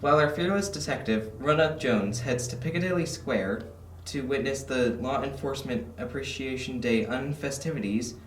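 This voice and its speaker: A man's voice: mid-range voice, normal speed, hardly any pauses, a little hiss or hum, lightly acted. Narrator male actor: scripted detective-comedy storytelling, distant mic, echoey room.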